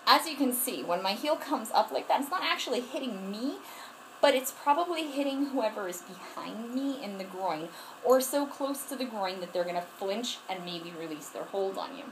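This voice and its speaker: A woman's voice: on the high side, animated, normal speed, slight background noise, rough recording. A woman giving self-defense tips to her camera at home in a frank, earnest way, often restarting herself. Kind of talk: casual instructional talk to camera. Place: at home, moving around in front of the camera. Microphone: camera mic, distance changing as she moves.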